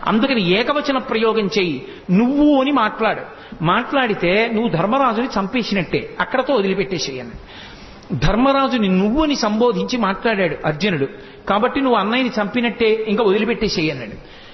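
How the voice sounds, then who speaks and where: A man with a fairly high voice gives a devotional discourse, telling stories, voicing the characters and chanting verses in a slow sing-song. The recording is dull and muffled. It carries a long, roomy hall echo. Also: expressive, a little hiss or hum. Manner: storytelling, acting out the characters' lines. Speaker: religious discourse speaker.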